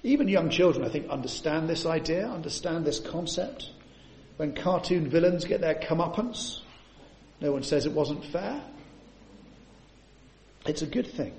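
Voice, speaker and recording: A man's voice: a little high, animated, unhurried, pauses often, darkish tone, roomy sound, a little hiss or hum. A man preaching a sermon to his congregation, often adding rhetorical tag questions.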